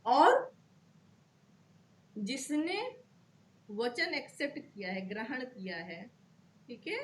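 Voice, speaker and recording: A woman's voice: fairly high pitch, sing-song, slow. A woman teaching law to students, explaining step by step and checking in often with "okay" while repeating key terms.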